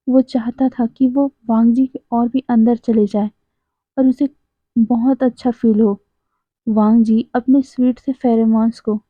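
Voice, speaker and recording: Woman storyteller reading fan fiction, slow and flat, tinny phone-line sound. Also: on the high side, no echo.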